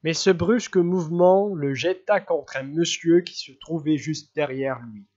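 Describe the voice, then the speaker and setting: An audiobook narrator reading a classic novel in a measured, deliberate way. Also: medium pitch, a little mellow, muffled recording. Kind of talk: scripted literary narration.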